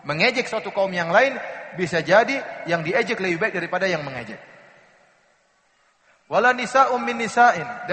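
Male preacher, high voice, rapid earnest delivery, long hall reverb. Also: a bit bright. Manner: earnest, rhetorical questions, recites Arabic verses. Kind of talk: religious lecture.

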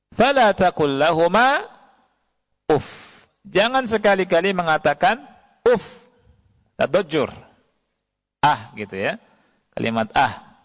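Gravelly preacher in a reverberant hall. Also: male voice, medium pitch. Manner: quotes Arabic verses and asks the audience questions. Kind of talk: sermon.

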